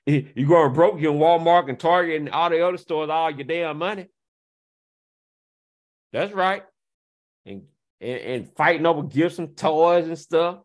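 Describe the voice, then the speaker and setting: A man delivering a confrontational rant, firing taunting rhetorical questions and scoffing laughs, swinging from loud jeers to low, slow muttering.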